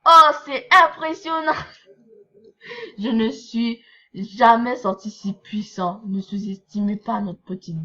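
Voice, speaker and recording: Reacting to a manga chapter as she reads, this young vlogger from Quebec chats in a Québécois accent, rambling with many fillers and asides. She speaks slowly in a slightly high, pushed and bright voice, and the audio is dull.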